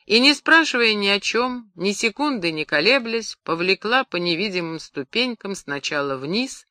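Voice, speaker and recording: Bright-voiced woman reading an audiobook. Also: medium pitch, expressive, moderate pace, dry recording, studio quality. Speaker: audiobook narrator. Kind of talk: scripted narration.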